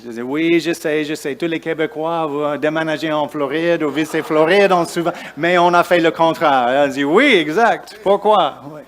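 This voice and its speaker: Pastor preaching in halting French. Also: male voice, fairly high pitch, slight background noise. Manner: preaches with halting restarts, rising emphatic lists and quieter asides. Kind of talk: sermon.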